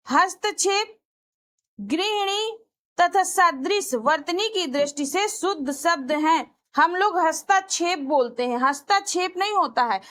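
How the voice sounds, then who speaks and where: High-voiced woman teaching a lesson. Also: fairly bright tone. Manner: explains step by step, repeating answers. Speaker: Hindi teacher. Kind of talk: exam practice lesson.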